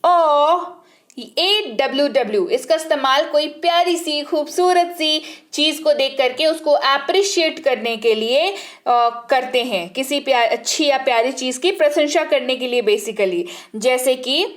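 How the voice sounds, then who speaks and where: Woman, English teacher, high voice, slow, repeats examples, answers her own questions. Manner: asks the class questions and answers them herself, repeats each example sentence slowly. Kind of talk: spoken English lesson in Hindi.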